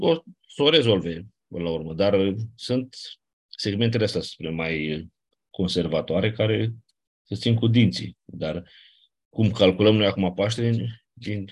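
A teacher of Ancient Greek reviews grammar with his class step by step, his lowish voice carrying a breathy edge. He's patient and often checks in with the students, asking "nu?" and "da?".

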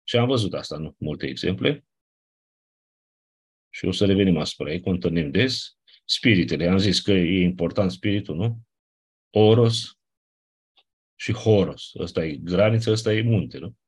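With a low, husky and animated voice, a man teaching Ancient Greek goes over grammar in class one step at a time. Patiently, he keeps checking on his students with "nu?" and "da?".

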